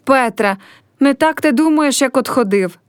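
A woman's voice: sits high, animated, moderate pace, smooth, dry recording, studio quality, voice pushed up. A woman reading a play aloud and voicing a young village girl who is heartbroken and proud, speaking in a pleading, reproachful way.

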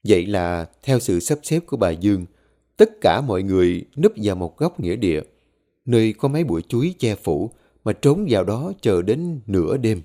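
A man's voice: on the low side, very animated, moderate pace, mellow. A man telling a scripted horror story with dramatic, tense delivery. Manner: dramatic, tense storytelling with rising and falling intensity. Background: faint background music.

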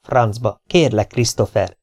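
A man voicing a furious, grieving middle-aged father who shouts and then pleads. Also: medium pitch, dry recording, studio quality, lightly acted. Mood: pleading. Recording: dull lo-fi recording.

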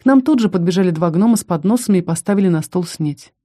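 A woman narrating a first-person audiobook with expressive storytelling. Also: lowish voice, fast.

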